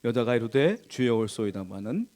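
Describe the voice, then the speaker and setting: A man preaching as a pastor, asking the congregation questions, reading scripture aloud, and swinging between loud emphatic lines and quiet asides. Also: mid-range voice, animated, fairly quick. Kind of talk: sermon. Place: church.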